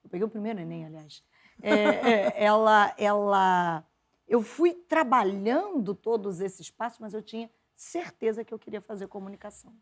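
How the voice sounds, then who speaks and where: A Brazilian woman, a journalist and preacher, telling stories from her upbringing in an interview, lively and quick to laugh. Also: medium pitch. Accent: Brazilian Portuguese. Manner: lively, laughs often, quotes her mother in animated voices. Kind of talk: conversational interview storytelling.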